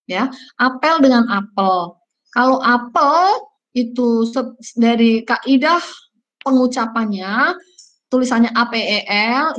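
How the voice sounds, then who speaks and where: A woman's voice: mid-range voice, fairly bright tone, dull audio. A woman lecturer teaching a class, chatty and repetitive, dotting her talk with "ya" and "nah" fillers. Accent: Indonesian. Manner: chatty, repeats points with frequent "ya" and "nah" fillers.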